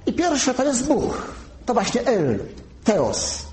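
A man giving a sermon, teaching slowly and carefully and spelling out terms one by one. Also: extremely high pitch, wildly swooping pitch, darkish tone, slight background noise. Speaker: preacher. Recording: echoey room.

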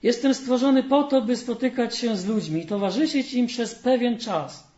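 A man's voice: extremely high pitch, normal speed, a little mellow, echoey room, muffled recording, pitched above the performer's own voice. A man voicing Sadness as a weary, shrunken male spirit who complains plaintively and with sighs about being unloved. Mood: plaintive, lonely.

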